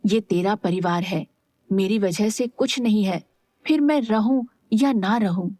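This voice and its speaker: A woman narrator voicing an affectionate, protective young man who speaks softly and teases gently. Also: mid-range voice, unhurried, no echo, studio quality, close to an everyday voice. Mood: tender. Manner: soft, tender, teasing.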